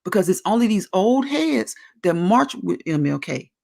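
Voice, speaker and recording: A woman's voice: medium pitch, big pitch swings, moderate pace, vocal fry, darkish tone. A woman in her forties talking at length in a casual discussion, earnest and emphatic as she explains her views. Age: 40s.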